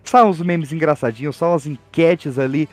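A man's voice: a little high, moderate pace, soft background music. A young man with a Brazilian accent, talking casually and animatedly as a podcast guest, with slangy informal phrasing. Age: young adult.

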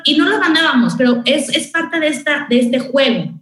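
A woman with a Mexican accent chatting as a guest, a lively storyteller who acts out other voices. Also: high-pitched, moderate pace, reverberant. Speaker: radio host guest. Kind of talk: casual interview chat.

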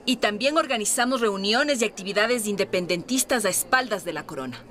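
A woman's voice: mid-range voice, animated, fairly quick, fairly bright tone, slight background noise, close to an everyday voice. A woman playing a refined, romantic lady in a historical audio drama, speaking formally and earnestly as if confiding. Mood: composed, resolute. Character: refined, candid married lady, romantic and independence-minded.

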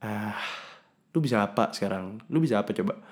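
A man's voice: on the low side, lively intonation, a little fast. Young man, candid confessional storyteller, curses a lot, blends in English words. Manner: candid, slangy, cursing, mixing in English words; swings between loud bursts and mumbled asides. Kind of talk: casual personal story, talking to the listener.

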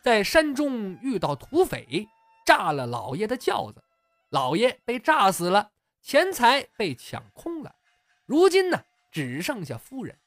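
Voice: mid-range voice, huge pitch swings, a little slow, no echo, faint music behind, pitched above the performer's own voice. A storyteller voicing a scheming old male secretary who pleads in flowery, old-fashioned speech. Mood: pleading.

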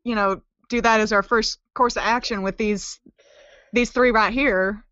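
A woman playing a tabletop game, planning moves in casual, halting, slangy chat. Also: fairly high pitch, steady tone, pushed and bright, no room sound, muffled recording.

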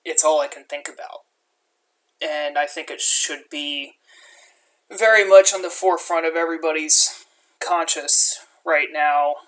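A man's voice: on the high side, fairly even intonation, a little slow, a bit bright, poor audio. A young man giving angry, profane, unscripted commentary as an activist.

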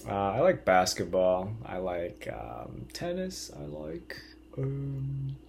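A man in his twenties, a podcast guest, talking in a hesitant, laid-back, deadpan way. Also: mid-range voice, slow pace, gravelly, slight background noise. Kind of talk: casual chat.

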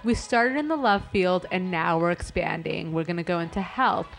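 A woman's voice: on the low side, moderate pace, vocal fry, soft background music. A young woman from Los Angeles co-hosting a podcast, upbeat and asking eager questions in casual chat. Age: young adult. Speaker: podcast co-host.

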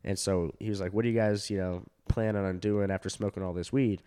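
Male stand-up comic, lowish voice, loose rambling anecdote with lots of swearing and quoted voices. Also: quick pace, clear, resonant tone. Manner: rambling, filler-heavy and profane, with animated quoted voices. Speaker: stand-up comedian. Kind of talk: casual storytelling chat.

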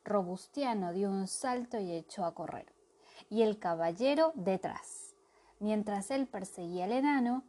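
Slow, expressive woman reading a story aloud. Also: medium pitch. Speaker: storybook reader. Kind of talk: read-aloud children's story narration.

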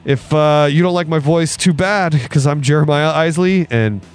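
A man hosting a board game podcast, hoarse and raspy from a cold, talking casually and with a lot of enthusiasm. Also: a little high, normal speed, music in the background. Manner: enthusiastic, laughs often. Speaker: podcast host reviewing board games.

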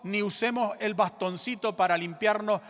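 A man's voice: high-pitched, moderate pace, fairly bright tone. A male pastor preaching a sermon in a church, calling out to the congregation and urging them to answer back. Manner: emphatic preaching with call-and-response to the congregation. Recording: reverberant church hall.

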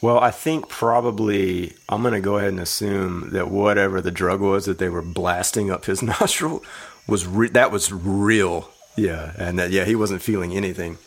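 A man's voice: low-pitched, fairly even intonation, normal speed, husky. A man co-hosting a casual movie chat, teasing his partner in a dry way as he shares trivia. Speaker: podcast co-host.

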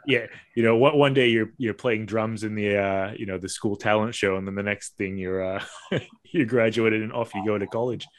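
A man's voice: lowish voice, fairly even intonation, normal speed. A man hosting a podcast, asking questions in a rambling, hesitant way. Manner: rambling, hesitant with many fillers and restarts. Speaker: podcast host. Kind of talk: casual interview.

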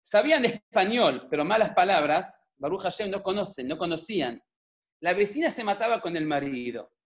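A middle-aged Argentine man gives a religious talk at home on camera, his voice sitting high and his pace moderate. Speaking Rioplatense Spanish, he tells stories humorously, animated and jokey with frequent asides to the audience.

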